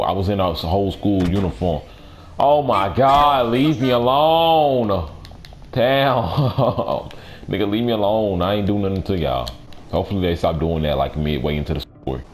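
Raspy, very deep-voiced young man, noisy track. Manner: slangy, rambling, playfully complaining. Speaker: gaming video host. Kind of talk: casual joking game commentary. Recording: noisy track with game sounds behind. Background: video game audio.

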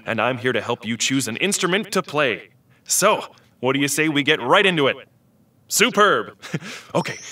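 A goofy old computer. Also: male voice, a little high, sharp tone, full character voice. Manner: bubbly, jokey, laughs at own puns. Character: eccentric outdated male computer, chatty and goofy. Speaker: instrument selection guide. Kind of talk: scripted educational character. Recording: distant voice over music. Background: music.

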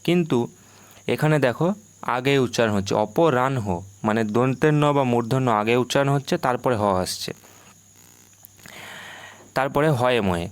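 A man teaching a video lesson on pronunciation, explaining slowly and repeating words aloud to model their sounds. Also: mid-range voice, clear, resonant tone, dry recording.

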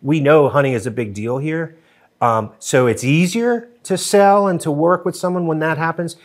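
A middle-aged man from Western Pennsylvania speaks into a studio mic as a podcast guest. His talk is animated and loose, full of restarts as his ideas tumble out. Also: on the high side, normal speed. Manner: animated, gestures a lot, frequent restarts. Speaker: podcast guest, TV show co-creator. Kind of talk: casual interview chat. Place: wood-paneled podcast studio. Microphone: studio mic on boom arm.

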